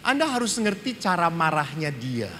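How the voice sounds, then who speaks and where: A middle-aged priest speaks to a seminar audience with a bright, forceful voice pitched a little high. He tells his stories with lively humor and acts out the voices in them. The sound carries a long reverb from the hall, with faint background noise. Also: normal speed. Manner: animated storytelling, acting out quoted dialogue.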